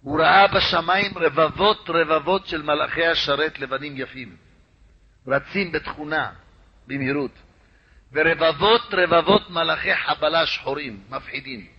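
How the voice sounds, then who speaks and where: A man's voice: a little high, breathy edge. A man, a rabbi, telling a story as a sermon in a dramatic, repetitive way. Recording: lo-fi radio recording.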